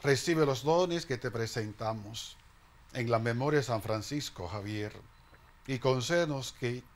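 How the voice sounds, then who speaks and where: Man, priest, middle-aged, solemn liturgical prayer, unhurried, mid-pitched, small chapel. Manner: slow, solemn intoning.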